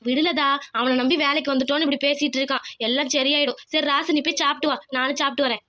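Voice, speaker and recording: A woman's voice: high voice, steady tone, fast, pushed and bright. A woman doing a motherly village auntie. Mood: reproachful, soothing. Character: kindly older village woman, defends the workers. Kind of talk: cartoon voice acting.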